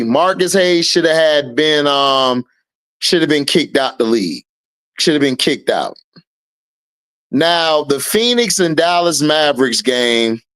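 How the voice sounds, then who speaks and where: Running an online sports and commentary stream, a man in his thirties reacts to chat and gives his opinions casually. His mid-range voice has a clean tone. He speaks bluntly and hotly, curses without restraint, and raises his voice loudly when something gets to him.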